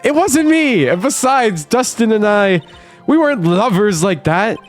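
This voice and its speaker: A man voicing a fragile young woman on trial in a video game, in a high, whiny falsetto. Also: big pitch swings, measured pace, soft background music. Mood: protesting. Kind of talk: video game voice-over for a stream.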